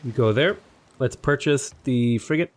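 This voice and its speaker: A man with a medium-pitched voice talks at a measured pace through a casual let's play of a strategy game. He is a gaming YouTuber who thinks aloud, rambles and chats with his units, sounding slightly under the weather and sniffly.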